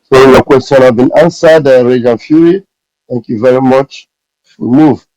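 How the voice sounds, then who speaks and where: A man's voice: mid-range voice, normal speed, a little mellow, dry recording, rough recording. A man hosting an online audio room, patiently calling on speakers and asking them to unmute. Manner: patient, directive. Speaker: host.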